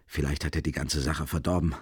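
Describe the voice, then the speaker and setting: A man voicing a calm, firm male doctor who speaks in a measured, concerned way. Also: rumbling low, husky, dry recording, studio quality, voice pushed down, heavily acted.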